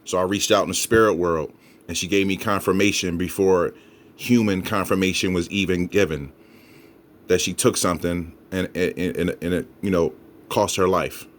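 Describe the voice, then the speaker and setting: A man's voice: deep voice, steady tone, moderate pace, slight background noise. A man giving casual, emphatic commentary as a paranormal host, speaking straight to his listeners and repeating points for them. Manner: addresses listeners as folks, emphatic repetition. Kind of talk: casual commentary on EVP recordings.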